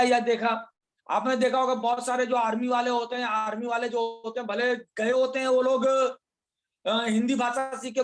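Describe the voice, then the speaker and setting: A man teaching a leadership class, explaining step by step, repeating key phrases and mixing English words into his talk. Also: very high voice. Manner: asks questions and answers them himself. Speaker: leadership trainer. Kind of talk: motivational class lecture.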